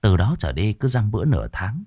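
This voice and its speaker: A man narrating a horror story in an expressive, dramatic way. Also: on the low side, a little fast, breathy edge, no room sound, clean studio sound.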